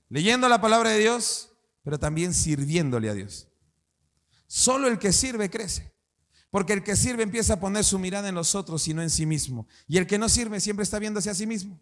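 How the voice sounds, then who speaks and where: A man preaching a sermon, his pitch sitting high for a male voice. He throws rhetorical questions at the congregation and climbs into impassioned shouts. A long church-hall reverb trails behind every phrase. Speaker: pastor.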